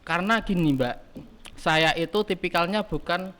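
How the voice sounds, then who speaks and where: A man in his early twenties, a student leader answering podcast questions in a halting way, often pausing to search for words. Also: sits high, a bit bright. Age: early 20s. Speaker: guest, student council chairman. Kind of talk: casual podcast interview.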